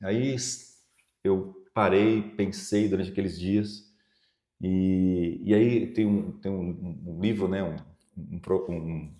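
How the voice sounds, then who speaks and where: Emotional Brazilian pastor in an echoey room. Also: male voice, deep voice, fairly even intonation, slow pace, dark tone. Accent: Brazilian Portuguese, São Paulo. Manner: emotional storytelling, quoting himself and others. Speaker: pastor, guest. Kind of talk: personal testimony in a podcast interview.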